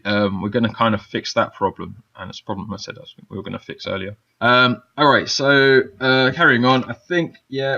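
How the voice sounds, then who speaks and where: A low-voiced man walks through a software tutorial in a loose, chatty way. He pads his talk with fillers and keeps checking in with the listener. The recording sounds dull and lo-fi. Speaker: game development teacher.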